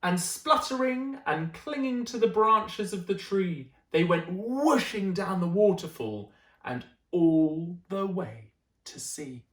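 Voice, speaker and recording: Expressive woman reading a bedtime story. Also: lowish voice, slow pace, reverberant. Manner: expressive, adds gentle asides. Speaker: teacher.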